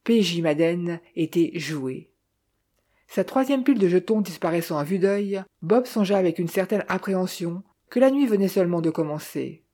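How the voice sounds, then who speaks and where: An audiobook narrator reading a detective novel in a measured, steady way. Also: mid-range voice.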